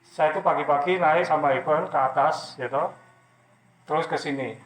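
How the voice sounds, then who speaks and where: A man with a slightly high voice preaches and recounts a personal testimony at a moderate pace. His talk is loose and repetitive, full of fillers, recorded in an echoey room with slight background noise.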